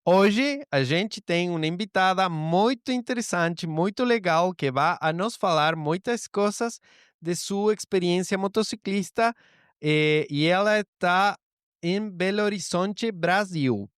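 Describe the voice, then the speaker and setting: Male travel podcast host, high-pitched, lively, code-switching, dry recording. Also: unhurried, clear, resonant tone, dry recording. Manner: lively, mixing Spanish and Portuguese.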